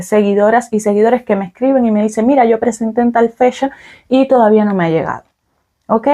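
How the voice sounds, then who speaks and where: This vlogger is a young Cuban woman with a fairly high, mellow voice and a Cuban Spanish accent. Speaking casually to camera, she explains using fillers and keeps checking in with "ok?"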